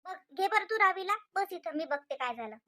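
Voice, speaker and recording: An anxious young cartoon wife, voiced by a woman, with a high, bright voice that keeps pleading and asking what went wrong. She repeats names over and over to calm everyone down. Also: a little fast, full character voice. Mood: worried asking. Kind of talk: animated comedy dubbing.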